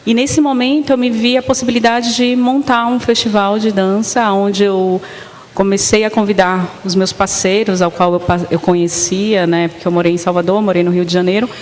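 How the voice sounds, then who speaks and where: A woman dancer tells her story in an earnest, mid-pitched voice during a panel talk. The sound is roomy with a long hall tail and a faint hiss underneath. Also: darkish tone. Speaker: dancer and festival organizer. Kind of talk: panel discussion. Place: arts center stage. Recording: reverberant hall with faint noise.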